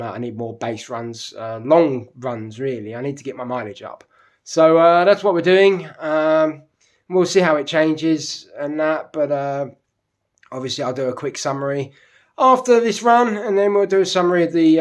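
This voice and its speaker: A man's voice: on the high side, no room sound. Breathless middle-aged British man vlogging. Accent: British English. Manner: rambling, full of fillers and restarts. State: a little out of breath after a run. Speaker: running vlogger. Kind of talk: casual talk to camera.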